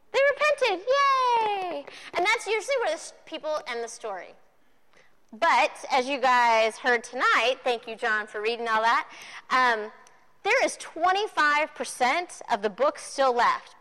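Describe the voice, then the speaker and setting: Lady youth preacher, high bright voice, casual and joking. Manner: animated, playful retelling with audience questions. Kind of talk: lively sermon to a group. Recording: reverberant hall.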